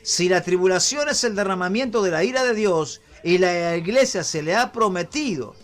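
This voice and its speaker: Lively high-pitched male preacher. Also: normal speed. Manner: preaching with call-and-response prompts to the congregation. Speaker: pastor. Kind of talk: sermon.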